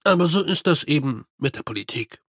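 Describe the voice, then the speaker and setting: A man's voice: a little high, expressive, fairly quick, fairly bright tone, no room sound, clean studio sound. A man reading the lines of a harried army major in a storybook, speaking in short, exasperated questions.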